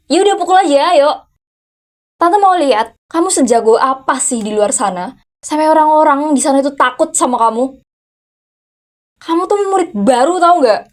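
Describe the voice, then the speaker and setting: A woman in an ASMR role-play voicing a furious, unmarried rich aunt who runs a company and is scolding her teenage nephew with sarcastic, challenging questions. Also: high voice. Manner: scolding, sarcastic, repeated sharp "hah?" challenges. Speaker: VTuber role-play creator.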